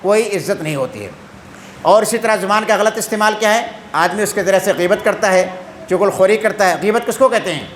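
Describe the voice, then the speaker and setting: A man with a high-pitched voice gives a religious lesson. He keeps asking questions and then answers them himself. The room echoes, with a faint background hiss. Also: a bit bright. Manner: constantly asks questions and answers them himself, tagging "hain?". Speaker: Islamic teacher. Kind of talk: religious lesson quizzing listeners.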